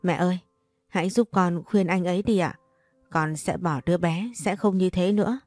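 A woman's voice: fairly low pitch, normal speed, a little mellow, no echo, soft background music, close to an everyday voice. A woman reading the lines of a desperate young wife in a spoken story, pleading.

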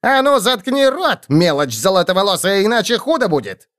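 A man voicing a shrewd, sharp-tongued male goblin who mocks and explains. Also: sits high, very animated, voice pushed up. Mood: mocking. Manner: mocking, quick retorts.

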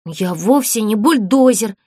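A woman voicing a gentle, meek girl doll in a storybook, soft and yielding. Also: mid-range voice, animated, measured pace, breathy edge, dry recording, clean studio sound.

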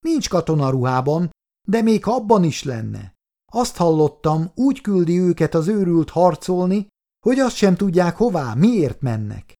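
A woman's voice: on the low side, big pitch swings, mellow, voice pushed up. A male reader voicing a brave, exhausted young female nurse who speaks up with passion. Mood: indignant. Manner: impassioned, pleading. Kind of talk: audiobook dialogue.

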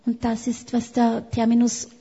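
Woman interpreter, higher voice, mellow and husky, long hall echo. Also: monotone, moderate pace. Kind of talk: live sermon interpretation. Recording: echoey hall, dull sound.

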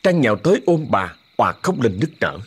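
A man narrating a ghost story in a dramatic, expressive way. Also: mid-range voice, a little fast, husky.

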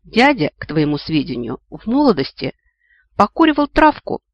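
A man voicing a preachy old female elf ghost, a grandmother with a shrill, moralizing voice. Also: wildly swooping pitch, moderate pace, no room sound, dull audio, heavily acted. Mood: scolding.

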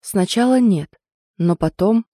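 A woman's voice: mid-range voice, animated, a little slow, warm tone, no room sound, studio quality. Stern commanding man, read by a woman. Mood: bitter. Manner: firm, barking orders. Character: stern commanding man, protective older brother.

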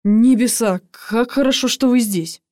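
A woman reader voicing a cheeky young man who speaks in hushed urgency and wheedles when he flatters. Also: fairly high pitch, measured pace, dry recording, studio quality, lightly acted. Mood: urgent. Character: young male orderly, cheeky and quick.

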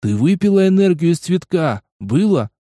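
A man's voice: a little high, sing-song, moderate pace, warm tone, dry recording, voice pushed up. A man playing an impatient, exasperated young game player in a storybook reading. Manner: blunt, exasperated questioning.

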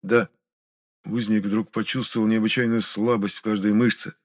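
Brief: male audiobook narrator, steady and measured delivery. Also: on the low side. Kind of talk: scripted fantasy narration.

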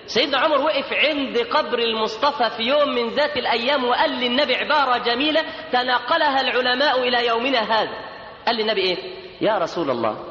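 A man's voice: very high voice, fast, sharp tone. A man with an Egyptian Arabic accent preaching a sermon in an emphatic way, sometimes chanting lines of verse. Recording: echoey lo-fi hall recording.

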